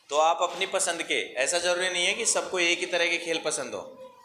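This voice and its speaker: A man's voice: fairly high pitch, measured pace, pushed and bright, a little hiss or hum. A man teaching a class of small children, calling pupils up by name and coaxing them through each worksheet. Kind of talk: classroom lesson.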